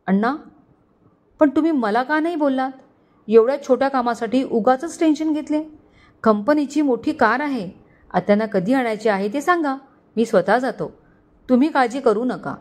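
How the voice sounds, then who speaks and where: Woman voicing considerate young man, earnest, helpful, raised pitch, storybook romance. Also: normal speed, darkish tone, lightly acted.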